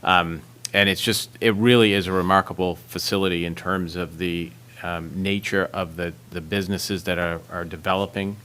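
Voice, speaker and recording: A man's voice: sits low, steady tone, normal speed, fairly bright tone. A man chairing a city council meeting who talks in a rambling way, restarting phrases with many "um"s.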